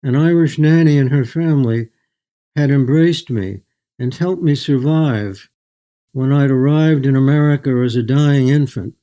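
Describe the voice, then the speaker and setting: An older man, appearing as a guest author in a reflective literary interview, speaks in a measured, thoughtful and articulate way. His voice is mid-range and mellow.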